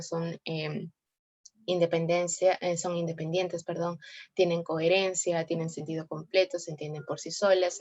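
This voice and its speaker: A woman explaining grammar in a class, often checking with "¿no?" and correcting herself. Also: on the low side. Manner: frequent tag "¿no?" and self-corrections. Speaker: teacher. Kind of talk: explaining sentence types in a class.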